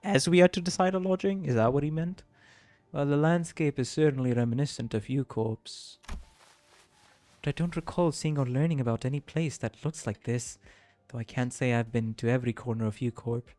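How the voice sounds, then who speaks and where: A man's voice: mid-range voice, a little fast, a little mellow. A man livestreaming a game, chatting casually and reading the dialogue aloud, laughing often and tripping over words.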